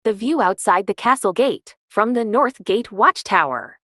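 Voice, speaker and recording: A woman giving calm, measured, scripted travel narration as a vlogger on a winter hike. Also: mid-range voice, dry recording, studio quality.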